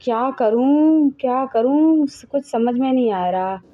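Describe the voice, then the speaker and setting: A jealous, scheming elder sister-in-law, played by a woman in an animated family drama. She speaks high and sharp, sulking and plotting against the younger wife. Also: takes it slowly, phone-quality sound.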